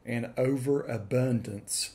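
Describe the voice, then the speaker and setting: A middle-aged man with an Appalachian accent, talking casually and deliberately as he demonstrates software. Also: medium pitch. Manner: deliberate, spelling out punctuation while dictating. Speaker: software reviewer. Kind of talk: dictation test with casual commentary. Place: room at home, indoors.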